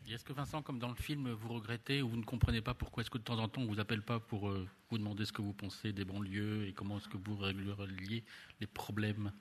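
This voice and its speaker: Quick-talking male moderator, noisy room. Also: fairly low pitch, flat delivery. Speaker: press conference moderator. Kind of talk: moderating a press conference.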